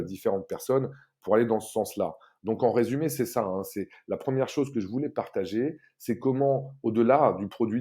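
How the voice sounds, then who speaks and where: A man, a sales trainer talking as a podcast guest, telling an anecdote in an animated way with many fillers. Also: lowish voice, husky. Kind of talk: casual explanatory talk.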